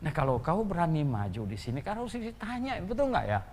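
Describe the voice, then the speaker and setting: Lively man preaching in a reverberant church. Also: a little high, a little fast, a little hiss or hum. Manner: animated, rhetorical questions, chuckling asides. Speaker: pastor. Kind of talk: sermon.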